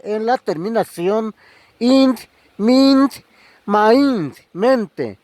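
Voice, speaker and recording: A man teaching English pronunciation in a slow lesson, repeating each word deliberately. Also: sits high, darkish tone, no echo. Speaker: language teacher.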